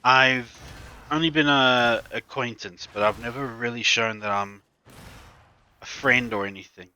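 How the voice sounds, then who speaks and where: A man chatting casually on a game stream, rambling with many pauses, while eating a snack. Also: mid-range voice, bright, forceful tone, clean tone. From not from the US. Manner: rambling, halting, many fillers and restarts.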